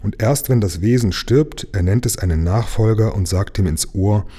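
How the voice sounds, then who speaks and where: A man voicing a sad, gentle young mermaid princess in a storybook read aloud, with a soft, tearful voice. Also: on the low side, moderate pace, husky. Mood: sad, earnest.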